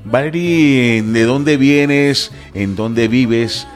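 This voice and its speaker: A man hosting a radio interview, warmly announcing and welcoming a guest, then asking questions in an upbeat, conversational way. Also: medium pitch, very slow, faint music behind. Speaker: radio host.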